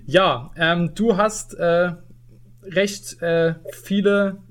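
A young man co-hosts a relaxed podcast, a touch high in pitch. He talks loosely, stumbling through fillers and laughing easily. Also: extremely slow. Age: young adult. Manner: hesitant, many fillers, laughs often. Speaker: podcast co-host. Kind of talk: casual podcast chat.

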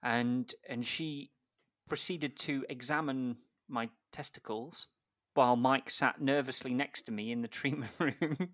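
In a casual anecdote, an adult man laughs often as he mocks himself over an embarrassing personal story, appearing as a guest. His voice is medium-pitched and fairly bright, with fairly even intonation and an unhurried pace. Clean, dry studio sound.

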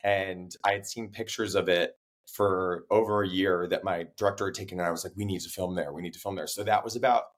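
Hoarse and low from laryngitis, this young singer-songwriter sounds deeper than normal as a guest in a relaxed interview chat. He keeps a brisk pace, telling lively stories and performing his own quotes.

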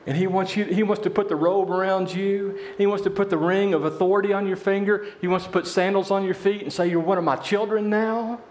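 A man preaching a sermon in a church, telling a parable with animated voices for its characters. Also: high-pitched, fast, hardly any pauses, roomy sound. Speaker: pastor.

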